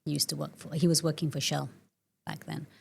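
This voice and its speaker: Middle-aged woman guest from Malaysia, low-pitched, reflective and storytelling. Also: level tone, fairly quick, creaky, darkish tone, breathy edge. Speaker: guest, nervous system coach. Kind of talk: casual interview conversation.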